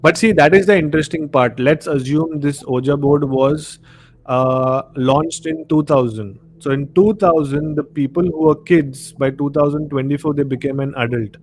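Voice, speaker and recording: Speaking at a moderate pace with a fairly high pitch, this Indian-accented live stream host runs a casual discussion. He drifts a bit and repeats words to emphasize them. Background noise and room ambience can be clearly heard.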